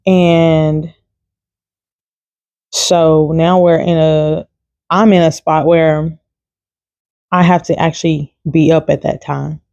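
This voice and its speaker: Woman vlogger talking faith, relaxed and conversational, warm timbre, dry recording. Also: deep voice, takes it slowly, gravelly, pauses often, no echo, muffled recording. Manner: chatty and informal, many fillers. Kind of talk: casual devotional talk to camera.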